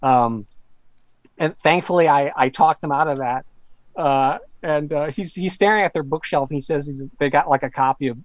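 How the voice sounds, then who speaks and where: Rambling storyteller man with a higher voice. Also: moderate pace, dry recording. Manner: rambling, with many fillers and stammered restarts. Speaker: guest author; professor. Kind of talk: casual storytelling in a podcast interview. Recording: slightly dull lo-fi audio.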